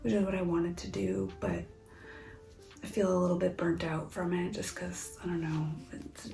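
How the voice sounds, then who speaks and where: A woman's voice: fairly low pitch, flat delivery, normal speed, creaky, mellow, echoey room, faint music behind, low-quality recording. A woman vlogger chatting casually at home, half-whispering and rambling about her crafting. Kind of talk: casual chat. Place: home, indoors.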